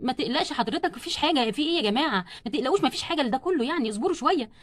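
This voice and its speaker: Brief: woman voicing no-nonsense doctor doll, Egyptian accent, rapid high firm delivery. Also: expressive. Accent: Egyptian Arabic. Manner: firm, shooing people out.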